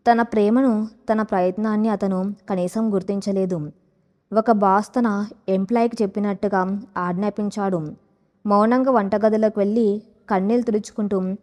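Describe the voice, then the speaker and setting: Woman reading a heart touching story, steady and feeling, audio book vibe. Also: mid-range voice. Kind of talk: scripted audio story narration.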